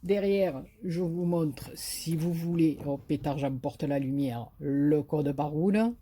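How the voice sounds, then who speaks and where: A woman from southern France, Marseille accent, narrates a craft haul in a low, dark voice at a slow pace, with a little hiss or hum on the recording. She's casual, hesitant, and filler-heavy, but enthusiastic about the paper designs.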